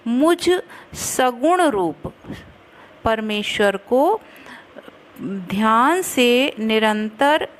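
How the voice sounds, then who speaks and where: A woman teaching scripture recitation. She chants each verse slowly and carefully, then breaks it down syllable by syllable and explains it quickly. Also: fairly high pitch, animated. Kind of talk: slow recitation with pronunciation teaching.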